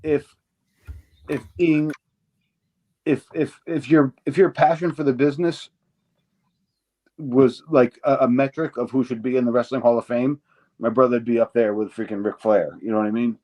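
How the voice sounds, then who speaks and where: Middle-aged male interview guest, loose storyteller, salty language, medium pitch. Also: fairly even intonation, moderate pace, pauses often, a little mellow, highs cut off. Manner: rambling, swears freely, acts out quoted voices. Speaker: interview guest, former wrestler. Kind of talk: casual storytelling.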